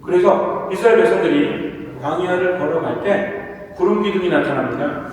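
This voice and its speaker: A man's voice: high-pitched, moderate pace, slight background noise. A man from South Korea, a priest giving a sermon-style talk to his parish, often asking the audience questions and answering them himself. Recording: echoey hall recorded from far off.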